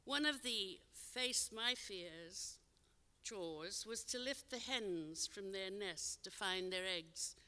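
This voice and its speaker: A woman's voice: mid-range voice, lively intonation, takes it slowly, sharp tone. Older woman telling a memoir in a hall. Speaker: storyteller. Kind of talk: told personal memoir on stage. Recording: long hall reverb.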